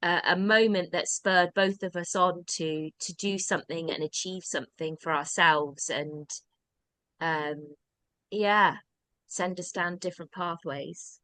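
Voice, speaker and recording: A woman's voice: on the low side, fairly even intonation, a little slow, sharp tone, no room sound. A British woman, a podcast guest, telling a personal story in a rambling, casual way with many restarts. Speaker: guest, drama workshop founder.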